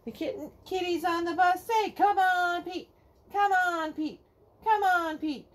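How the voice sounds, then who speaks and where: In her home living room, a middle-aged woman reads a children's picture book aloud to kids, slowly singing the verses in a sing-song way. Her voice is extremely high, and the recording has a little hiss or hum.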